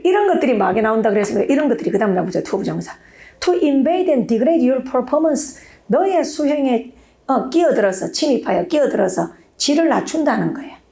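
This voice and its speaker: A woman's voice: sits high, darkish tone. A woman English exam instructor, lecturing emphatically and checking in with rhetorical questions. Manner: emphatic, peppers talk with rhetorical check-ins. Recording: echoey room.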